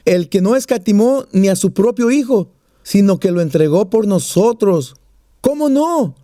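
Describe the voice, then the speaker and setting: A man's voice: high-pitched, normal speed, warm tone, dry recording, studio quality. A man preaching a sermon, mixing scripture and prayer with jokes and small stories. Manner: joking storyteller, plays out little voices.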